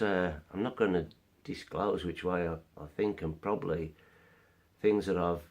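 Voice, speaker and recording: A man with a cold, giving an earnest, explanatory opinion monologue as a vlogger. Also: low voice. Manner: earnest, explains through analogies. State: has a cold, coughing now and then.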